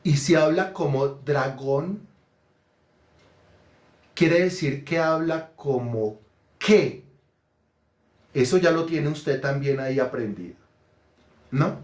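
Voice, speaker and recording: A man's voice: a little high, takes it slowly, pauses often, roomy sound. A man preaching an interactive sermon, asking questions and praising the answers. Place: church hall.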